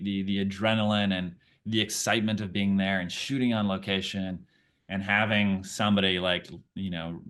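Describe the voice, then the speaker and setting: A Brazilian man who speaks Portuguese as his first language, an actor, answers interview questions warmly and chattily, thinking out loud as he talks. His voice is deep, with a fairly bright tone.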